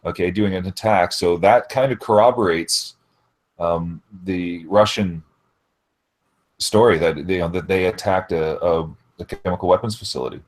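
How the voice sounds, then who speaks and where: Deep voiced forties guy reading news out in a voice chat, lots of uh and you know. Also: moderate pace. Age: 40s. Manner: reads news aloud with hesitant fillers. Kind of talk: casual group voice chat.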